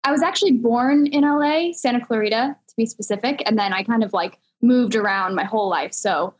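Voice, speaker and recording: A young woman, an actress guest on a podcast, with a fairly high voice. She answers loosely and casually, filling her speech with "like" and "um". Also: a little fast. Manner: casual, many fillers like "like" and "um".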